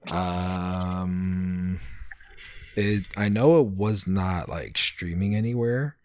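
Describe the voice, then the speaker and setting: A man in his thirties in a casual podcast chat, telling stories with frequent laughs and halting restarts. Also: sits low, clean tone. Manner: laughing, halting, animated storytelling. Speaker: podcast co-host.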